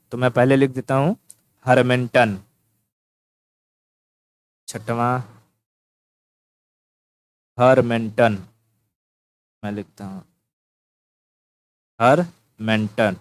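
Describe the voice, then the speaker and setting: A man with a clear, resonant, medium-pitched voice leads an informal exam-prep lesson, recorded with no echo. He teases the listener, calls them "tu," and repeats key words as he writes them down.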